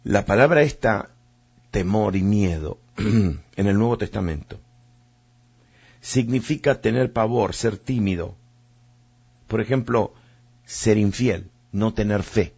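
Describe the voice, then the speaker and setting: Gravelly-voiced man preaching a sermon. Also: lowish voice, takes it slowly, long pauses, a little mellow. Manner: repeats words, addresses listeners directly. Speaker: pastor. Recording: dull lo-fi recording.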